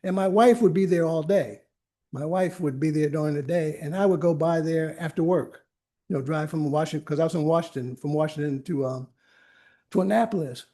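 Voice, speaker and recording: Older man telling workplace stories, high-pitched. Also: fairly quick, mellow. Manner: anecdotal, conversational, frequent restarts and asides. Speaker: attorney and workshop presenter. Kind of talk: informal lecture with personal stories. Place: library meeting room.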